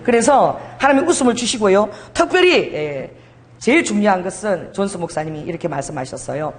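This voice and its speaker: Middle-aged woman pastor, animated sermon delivery with frequent laughter and a very lively pitch. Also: brisk. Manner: animated, laughing storytelling preacher.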